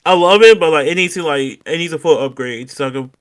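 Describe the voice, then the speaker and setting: A man's voice: a little high, a little fast. A young man as an interview guest, talking casually and filling his answers with "like". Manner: chatty, lots of "like" fillers. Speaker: guest streamer.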